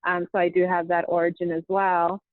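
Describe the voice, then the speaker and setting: A young woman from California, a therapist guest in a podcast interview, speaking thoughtfully with frequent pauses. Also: fairly low pitch, flat delivery, no echo. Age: young adult. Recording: dry phone-like remote line.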